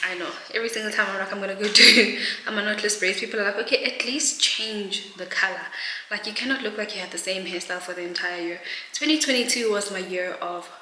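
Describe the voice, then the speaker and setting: A woman's voice: mid-range voice, quick pace, bright, forceful tone. A young South African woman, a realtor, chatting casually on her vlog, laughing often and slipping in Zulu words. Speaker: realtor vlogger. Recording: echoey rooms with clear noise behind.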